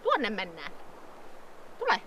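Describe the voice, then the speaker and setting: Bright, lively woman coaxing an animal. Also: medium pitch, slight background noise. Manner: coaxing, repeats words. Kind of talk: talking to an animal while leading it.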